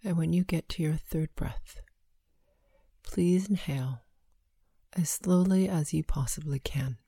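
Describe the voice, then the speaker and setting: A woman leading a guided meditation, counting breaths slowly with long pauses between short phrases. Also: low voice, warm tone, husky, no room sound.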